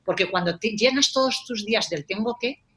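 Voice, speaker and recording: A woman's voice: mid-range voice, brisk. A woman, a life coach explaining ideas in a casual conversational way and acting out example phrases. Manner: animated, acts out example phrases.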